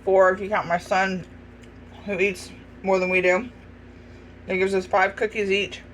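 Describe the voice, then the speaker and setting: A man's voice: sits high, measured pace, a little hiss or hum. A man chatting casually to his viewers while he tastes his baking, sometimes talking with his mouth full. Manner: relaxed, talks while chewing. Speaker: home cooking vlogger.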